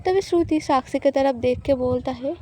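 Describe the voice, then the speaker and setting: A woman storyteller narrating an audio love story in a steady, plain manner. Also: high voice, moderate pace, a little hiss or hum.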